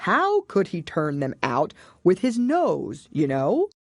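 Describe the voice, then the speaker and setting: Woman playing a melancholy storybook turtle, old, plaintive, persistent, slow drawn-out words, swooping intonation. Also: on the low side, huge pitch swings, no echo, full character voice. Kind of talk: audiobook character voice.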